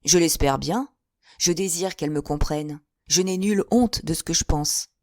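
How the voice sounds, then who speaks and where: Woman voicing a playful young gentleman, smooth and sly, low-set voice, dry sound. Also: moderate pace, dry recording. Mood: teasing.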